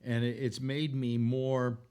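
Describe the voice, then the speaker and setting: A man's voice: mid-range voice, little pitch movement, slow, warm tone, clear, resonant tone. A man in his eighties hosting a casual chat show, rambling and wry, often restarting his sentences. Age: 80s. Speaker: host.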